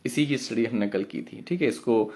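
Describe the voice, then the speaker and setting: A man teaching a poetry workshop, chanting syllables and beat counts in a drawn-out way. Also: mid-range voice, dark tone. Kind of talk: online lesson.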